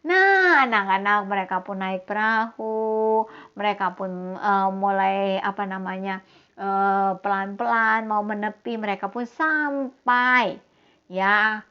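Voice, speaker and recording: A woman telling a Bible story to children in a lively way, speaking to them directly and acting out the voices. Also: mid-range voice, slow, clear, resonant tone. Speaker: Sunday school teacher. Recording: dull lo-fi sound.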